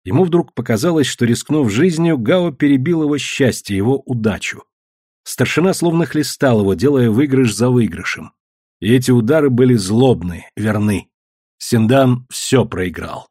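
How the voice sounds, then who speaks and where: A man reads an audiobook with a dramatic, expressive delivery. His voice is husky and his pitch moves a lot. The recording is dry and close, with no room sound. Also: normal speed, no room sound. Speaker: narrator. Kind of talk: audiobook narration.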